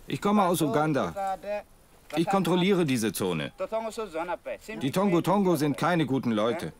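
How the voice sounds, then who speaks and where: A man voicing a documentary translation, his pitch moving up and down with a lively lilt and sitting a touch high. He explains things plainly and steadily. A crowd murmurs in the background. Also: measured pace. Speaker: voice-over interpreter. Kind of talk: calm documentary voice-over.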